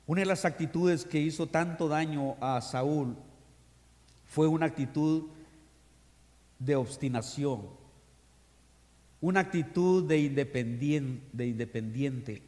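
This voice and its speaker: A man, a pastor, preaching a sermon to his congregation during an evening service, reading scripture aloud and speaking to them directly. He swings between loud proclamations and quiet, confiding asides. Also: a little high, takes it slowly, pauses often. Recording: long reverb of a church hall.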